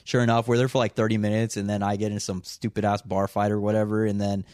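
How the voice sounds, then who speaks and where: A man's voice: on the low side, fast talker, no room sound, clean studio sound. Profane young man from Southern California. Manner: profane, laughing, animated storyteller. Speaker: podcast co-host. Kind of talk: casual storytelling chat.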